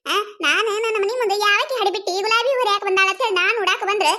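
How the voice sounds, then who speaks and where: A woman's voice: extremely high pitch, rapid-fire. A woman voicing a fierce scolding village wife. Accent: North Karnataka Kannada. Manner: scolding, shouting insults.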